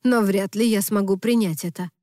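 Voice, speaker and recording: A woman's voice: medium pitch, normal speed, mellow, dry recording, clean studio sound, lightly acted. Woman reading a tense young husband. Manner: tense, pleading. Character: young man, anxious and protective husband.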